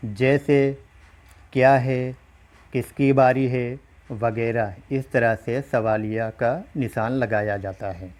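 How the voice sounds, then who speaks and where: A man's voice: medium pitch, darkish tone. A man teaching an online exam-prep lesson, explaining step by step and often checking in with his listeners. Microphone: recorded while writing on a screen.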